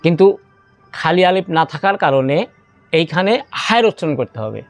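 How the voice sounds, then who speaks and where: A man teaching Quran reading, slowly spelling out Arabic syllables in step-by-step drills and drawing out recited words. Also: a little high, lively intonation, no echo, faint music behind.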